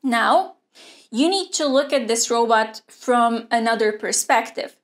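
A young woman teaches an online robotics lesson from a studio. She speaks slowly and clearly, at a slightly high pitch, and explains each part step by step. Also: lively intonation. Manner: clear, measured explaining with hand gestures. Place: indoor studio with a grey backdrop.

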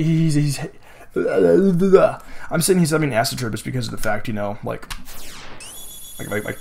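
A young man hosting a let's play, rambling casually with lots of "like" and frequent swearing. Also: mid-range voice. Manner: rambling and profane, heavy use of "like". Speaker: gaming channel host. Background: game music.

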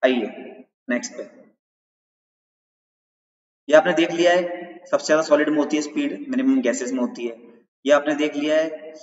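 A man's voice: a little high, moderate pace, pauses often. A male teacher giving an exam-prep lecture in Hindi mixed with English terms, who keeps asking questions back and repeating the key points. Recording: roomy, distant, dull sound.

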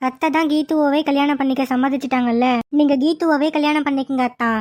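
A woman's voice: high-pitched, fairly even intonation, quick pace, darkish tone, no room sound, studio quality, lightly acted. A woman voicing an earnest young heroine in a cartoon, who speaks in a coaxing, pleading way. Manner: coaxing, repeats "attha". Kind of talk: cartoon voice acting.

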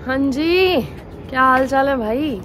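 A woman's voice: high voice, expressive, measured pace, a bit bright, slight background noise. Chatty woman vlogging at home. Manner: chatty, switching between Hindi and English. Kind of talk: casual family vlog chat.

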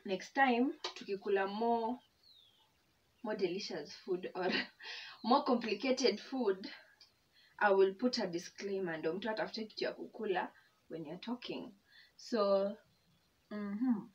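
A woman's voice: mid-range voice, a little slow, pauses often. A young woman with a Kenyan accent chatting casually to her viewers while eating, grateful and open. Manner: chatty, code-switching, emotional and grateful. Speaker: vlogger. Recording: distant mic, dull sound, faint background hum.

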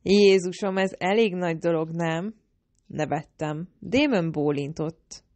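Egy nő, aki élénken, kifejezően olvas fel egy hangoskönyvet egyes szám első személyben. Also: female voice, on the low side, darkish tone, dry recording. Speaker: audiobook narrator. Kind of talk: first-person audiobook narration.

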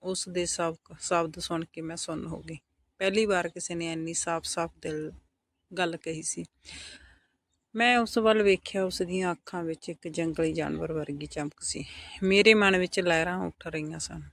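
A woman with a Punjabi accent narrating a first-person story in a soft, intimate scripted delivery. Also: lowish voice, steady tone, moderate pace.

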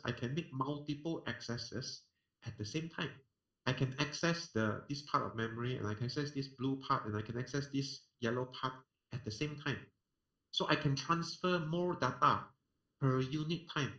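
A man's voice: mid-range voice, a bit bright. A man with a Singaporean accent giving an explanatory technical lecture in a colloquial way, often posing questions and answering them himself. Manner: colloquial, uses sentence-end particles, poses and answers own questions. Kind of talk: explanatory technical lecture over screen share. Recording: roomy, echoing online lecture audio.

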